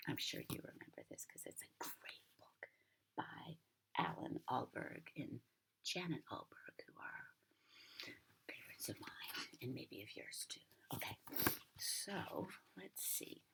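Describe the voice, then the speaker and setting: A sweet old American lady, a grandmother, reads a picture book aloud to a child in a gentle, breathy, husky near-whisper with chatty asides. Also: rumbling low, animated, measured pace, low-quality recording. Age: older.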